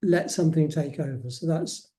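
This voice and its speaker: Interviewed as an author, a man reflects in a conversational way, his phrasing measured and hesitant. His voice is fairly high-pitched and warm.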